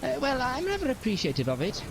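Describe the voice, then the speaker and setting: A man's voice: very high voice, huge pitch swings, quick pace, vocal fry, background noise, exaggerated voice. A man playing a secretive, mournful time-travelling alien Doctor in an audio drama, speaking in a theatrical, hesitant way. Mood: flustered, defensive. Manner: hesitant, theatrical, with sighs and deflections.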